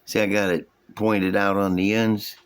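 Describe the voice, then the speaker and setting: A man with a slow, folksy drawl, casually showing and explaining his hobby projects to viewers. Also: lowish voice, level tone, clean tone. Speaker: hobby model-building vlogger. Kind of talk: casual show-and-tell commentary.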